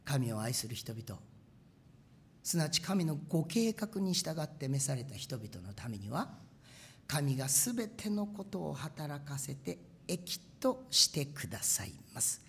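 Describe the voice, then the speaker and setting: A pastor telling a story in a sermon, animated and acting out machine noises with sound words. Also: medium pitch, unhurried, slight background noise.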